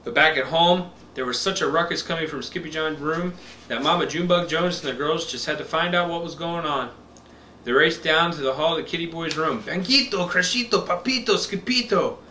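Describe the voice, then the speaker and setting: Dad reading to a toddler, bright expressive voice, kinda echoey room w faint noise. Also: male voice, a little high, a little fast. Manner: expressive, simple storybook delivery. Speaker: father reading picture books to his child.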